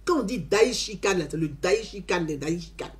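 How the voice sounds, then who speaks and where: A woman telling an animated story as a testimony. She talks emphatically, repeats her phrases and often adds "hein". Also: fairly low pitch, moderate pace. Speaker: community member giving a testimony.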